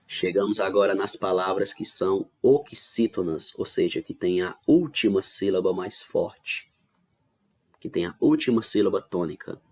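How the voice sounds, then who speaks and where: A man's voice: low voice, unhurried, darkish tone. A man teaching an online school review lesson. He explains step by step, repeats the key rules and keeps checking in with the class.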